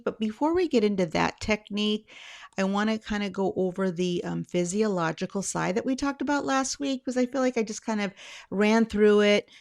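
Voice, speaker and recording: Middle-aged woman, low creaky voice, chatty explainer. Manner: rambling, self-correcting, chatty. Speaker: channel host sharing anxiety tips. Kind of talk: casual, conversational explainer to camera.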